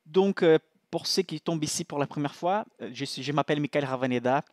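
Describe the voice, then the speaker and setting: A financial analyst with a Brazilian accent, Portuguese being his first language, hosts a live-streamed investing class in a casual, chatty way. He keeps checking in with listeners, repeats "ok?" and restarts sentences. His fairly high, a little mellow voice moves fairly quickly, and the recording is dry.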